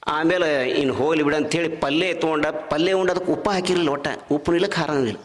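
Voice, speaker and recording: Man preaching in a North Karnataka Kannada accent, folksy storytelling sermon, fond of rhetorical questions, a touch high-pitched, long hall echo. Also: steady tone, fast. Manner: asks the crowd rhetorical questions. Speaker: preacher at a spiritual discourse. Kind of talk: devotional sermon with folk storytelling.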